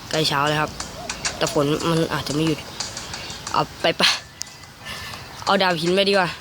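A man's voice: fairly high pitch, normal speed, noisy background. A young man with a cold, chatting casually and cursing now and then as he comments on his own gameplay. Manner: chatty, swears when frustrated. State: has a cold. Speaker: gameplay YouTuber. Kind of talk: casual Let's Play commentary. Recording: music playing behind.

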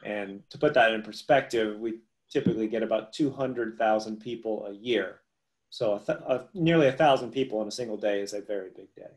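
A man's voice: fairly low pitch, a little fast. A middle-aged man who works in museum collections, talking at length and with wry opinions on a video call. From United States. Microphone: headset on video call.

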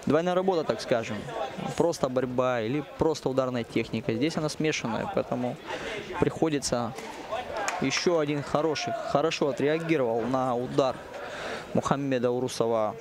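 A man giving live MMA commentary, halting at times and repeating phrases for emphasis. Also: medium pitch. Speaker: fight commentator. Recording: music and crowd noise behind. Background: arena music and crowd.

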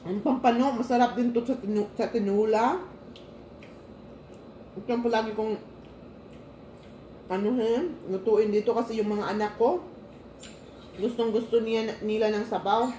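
A woman's voice: a little high, normal speed, pauses often. Woman savoring juice, echoey room. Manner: relaxed, savoring food between remarks. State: just after a sip of juice. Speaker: mukbang vlogger. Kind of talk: casual eating vlog chat. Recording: echoey room with faint noise.

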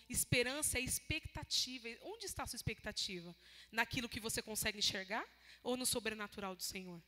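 A woman's voice: fairly high pitch, bright, forceful tone. A woman preaching a sermon, retelling her talks with God and closing in fervent prayer. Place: church hall. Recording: long church hall reverb.

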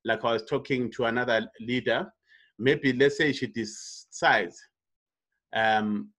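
A man in his fifties, a network marketing coach, giving an online coaching presentation in an unhurried way, with frequent fillers and restarts. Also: mid-range voice, fairly bright tone. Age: 50s. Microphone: computer mic on a video call.

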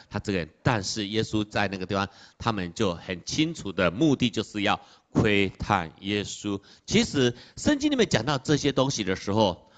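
Male pastor, lower voice, lively sermon, rhetorical questions.

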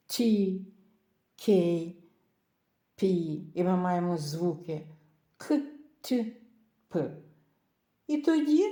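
A woman's voice: fairly low pitch, mellow, roomy sound. A woman teaching English vocabulary in a careful lesson, reading each word, translating it and spelling words out letter by letter. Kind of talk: slow, careful language lesson.

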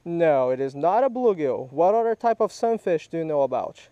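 A fishing vlogger, recorded on a head-mounted action camera, patiently teaches and quizzes a child while they fish beside a small park creek. He talks at normal speed in a fairly high, warm, very animated voice, and the recording is dry.

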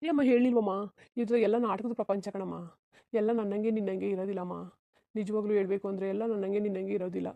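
A woman's voice: medium pitch, fairly even intonation, quick pace, vocal fry, no echo, lightly acted. Woman voicing a sorrowful, resigned young husband. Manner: soft, resigned, pleading. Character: sad, self-sacrificing young married man. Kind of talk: cartoon voice acting.

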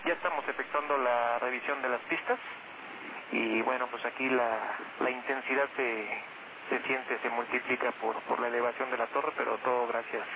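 A man's voice: mid-range voice, steady tone, moderate pace. A Mexican man working as an air traffic controller, speaking courteous procedural phrases with some hesitation over radio. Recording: very noisy aviation radio transmission.

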